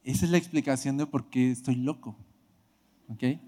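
A man giving an emotional sermon testimony, animated and bursting into shouts. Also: mid-range voice, normal speed. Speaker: preacher. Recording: hall reverb.

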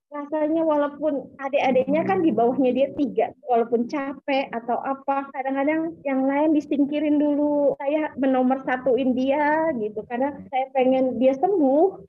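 A woman's voice: sits high, no room sound. A woman, giving an emotional personal testimony and retelling events through quoted dialogue. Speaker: interviewee, mother. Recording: dry, slightly muffled recording.

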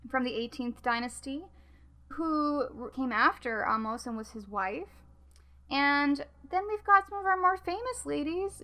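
A woman hosting a podcast in a casual, chatty way, often laughing and filling pauses with ums and uhs. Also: a little high, a bit bright. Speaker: podcast host. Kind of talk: casual chat.

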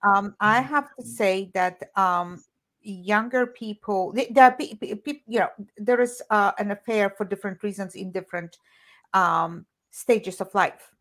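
A woman's voice: mid-range voice, measured pace, fairly bright tone. Female relationship coach co-host, casual and hesitant, stumbles and restarts. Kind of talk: casual podcast chat.

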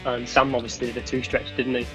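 A man's voice: medium pitch, flat delivery, fast, over music. A man in a band telling stories about past gigs in a casual chat, rambling and laughing often. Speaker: band guitarist.

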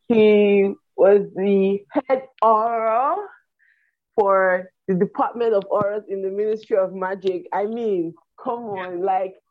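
A woman chatting casually and eagerly as a panelist in a discussion. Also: mid-range voice. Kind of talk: casual chat. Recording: tinny phone-like online call.

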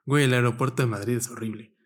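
A man's voice: mid-range voice, racing, a crowd in the background. Slangy, playful Mexican man. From State of Mexico, Mexico. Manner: slangy, playful, animated banter. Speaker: podcast co-host. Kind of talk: casual chat.

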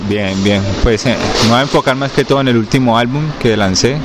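In a casual interview, a young rapper with a Cali accent, from Cali, Colombia, answers in a mid-range voice. His speech is halting, with many fillers and restarts, and he checks comprehension again and again with "me entendés?". The recording picks up street noise and passing vehicles.

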